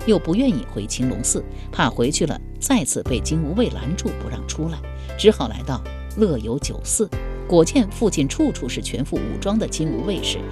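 A woman with a low-sitting voice narrates a historical novel as an audiobook, using an expressive storytelling cadence.

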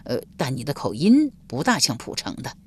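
A woman's voice: very deep voice, huge pitch swings, moderate pace, a little mellow, breathy edge, exaggerated voice. A woman doing a frightened young scholar. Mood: ingratiating. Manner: eager, polite, begging. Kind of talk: audiobook character voice.

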